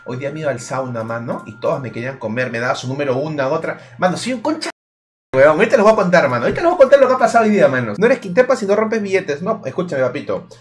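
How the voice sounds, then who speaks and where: A man's voice: fairly high pitch, very animated, rapid-fire. A man with a Peruvian accent, tipsy and rambling in crude, joking casual chat as a livestreamer. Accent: Peruvian Spanish. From Peru. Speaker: streamer.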